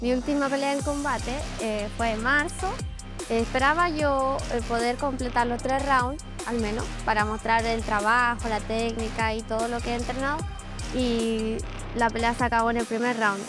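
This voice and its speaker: A woman with a Chilean accent gives a fighter's interview. Her voice sits fairly high, with music playing clearly behind it. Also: fairly even intonation, brisk. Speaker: professional fighter.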